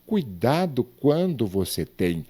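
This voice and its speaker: A man's voice: medium pitch, sing-song, dark tone, slightly rough. Emphatic man teaching grammar. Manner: emphatic, drawn-out words, asks the viewer questions. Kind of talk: online grammar lesson.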